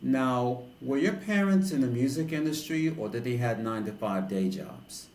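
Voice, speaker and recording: A man from New York hosting an interview podcast, speaking in a formal, deliberate way. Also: medium pitch, animated, a little mellow, echoey room, poor audio. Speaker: podcast host and DJ.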